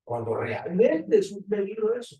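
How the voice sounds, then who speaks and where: A man's voice: high voice, huge pitch swings, normal speed, dark tone, lo-fi sound. A male pastor preaching a sermon, questioning his congregation as he teaches. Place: church hall. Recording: echoey hall from far off.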